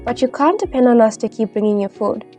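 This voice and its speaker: A blunt, bossy little boy snaps his lines in a gruff, dismissive way, as a woman reading a story puts him on. The voice sits fairly high, with a gravelly edge and a soft, mellow tone. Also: fast talker, faint music behind, lightly acted.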